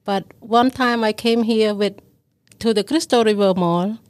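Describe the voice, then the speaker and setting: A woman from Thailand who runs a restaurant, answering interview questions politely in halting, simple English. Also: mid-range voice, darkish tone, dry recording. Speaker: food court restaurant owner. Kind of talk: interview guest.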